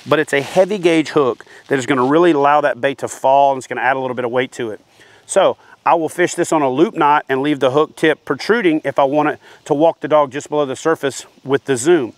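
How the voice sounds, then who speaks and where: A man in his forties teaches fishing technique outdoors beside a shed, talking steadily as he demonstrates with his hands. His voice sits a bit high for a man. The lapel mic keeps the sound close and dry. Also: no echo. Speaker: fishing instructor. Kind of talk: instructional talk to camera.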